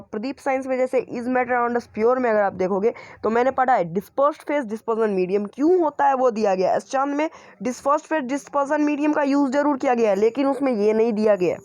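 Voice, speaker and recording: A man's voice: very high voice, brisk, hardly any pauses, dry recording. A man hosting a channel, casually recommending school books and repeating and qualifying his points, with frequent hesitations. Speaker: YouTube channel host reviewing school books. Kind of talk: casual spoken book recommendation.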